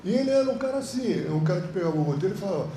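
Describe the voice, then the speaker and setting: A film director with a Brazilian Portuguese accent lectures a class through loose, slang-filled anecdotes. His voice sits high and swings widely, with a mellow tone. The room around him is roomy and echoey. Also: rapid-fire, slight background noise. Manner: animated, colloquial storytelling, frequent slang. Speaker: film director teaching a course. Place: university classroom.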